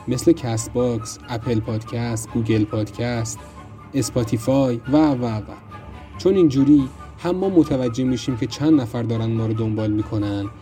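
A man narrating a first-person horror story in a grim, low tone, also hosting the podcast. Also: warm tone.

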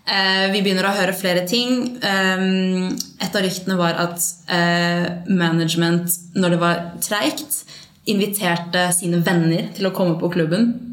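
A woman tells a long story in casual podcast chat, acting out bits of dialogue along the way. Her voice sits a little low. The room around her is echoey. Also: fairly even intonation. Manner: mixes Norwegian and Swedish words, tells the story with quoted dialogue and English slang. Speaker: podcast guest, stripper and entrepreneur.

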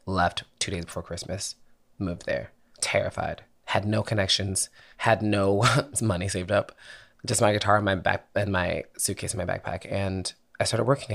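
Low, with vocal fry and a fairly bright tone, this young man's voice belongs to a Philadelphia singer-songwriter. He's an interview guest, chatting candidly and casually, quick to laugh and sometimes cursing.

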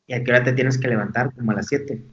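A man's voice: mid-range voice, steady tone, fast talker, crowd noise. A middle-aged man with a Mexican accent co-hosting a casual interview, effusive and full of compliments. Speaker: co-host. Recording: dull lo-fi audio.

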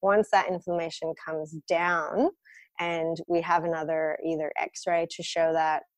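A woman's voice: sits low, flat delivery, unhurried, no room sound. A woman guest who works as a colon hydrotherapist and who grew up in the United States, explaining her work frankly with plenty of fillers. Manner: practical, frank, lots of fillers. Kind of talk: explanatory interview talk.

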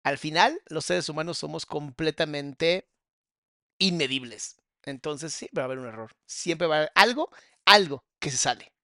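A man's voice: on the high side, lively intonation, bright, forceful tone, dry recording, studio quality. Sarcastic man hosting a reaction podcast. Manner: sarcastic, drawn-out emphasis. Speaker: host reacting to a guest's story.

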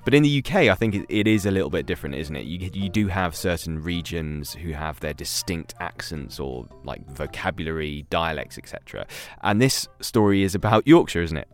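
A man co-hosts a news podcast in a chatty, easygoing way and laughs readily. His voice sits on the low side. Faint music plays underneath. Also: lively intonation, a little fast. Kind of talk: podcast chat.

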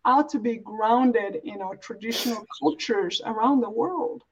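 Over crowd noise, a rather high-voiced woman talks a little slowly as an interview guest; she was born and raised in Uganda, East Africa. Earnest and emphatic, she reflects on things and builds each point with repeated phrasing, on dull, lo-fi audio.

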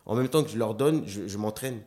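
A man, a dancer and slam artist, chatting as a guest in an interview, telling animated stories and acting out quotes, with frequent restarts. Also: lowish voice, fairly quick. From New Caledonia. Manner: animated storyteller, acts out quotes, stammers on restarts. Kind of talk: casual interview chat.

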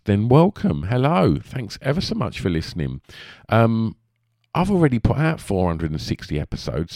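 Male podcast host, low register, Essex twang, lispy, chatty and rambling, close dry recording. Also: darkish tone, no room sound. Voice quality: lisp. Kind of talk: casual podcast introduction.

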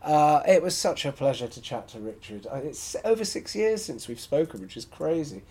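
A man's voice: a little high, very animated, moderate pace, a little mellow, slightly rough. A man hosting a solo podcast, talking frankly and with strong opinions as he thinks aloud. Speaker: podcast host.

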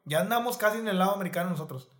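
A man tells stories in casual chat. His voice sits high, and he talks in an animated, slangy way, acting out what people said. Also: very fast. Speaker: podcast guest. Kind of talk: casual storytelling.

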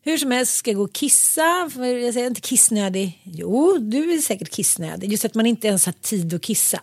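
A woman's voice: on the high side, expressive, breathy edge, no room sound, studio quality. A woman from Sweden, telling a personal story in casual chat, acting out quoted dialogue with laughs. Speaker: podcast co-host.

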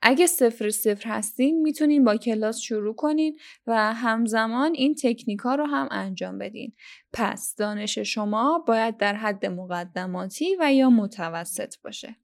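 A young Iranian woman hosting a language-learning podcast, talking listeners through tips in a clear, instructive way. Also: on the high side. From Iran. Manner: instructive, addresses listeners directly. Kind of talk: scripted podcast lesson.

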